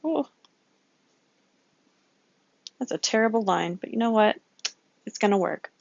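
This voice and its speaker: A woman's voice: medium pitch, lively intonation, brisk, creaky, lo-fi sound. A woman teaching a recorded geometry lesson, working problems aloud, counting grid squares and correcting herself as she goes. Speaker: math teacher.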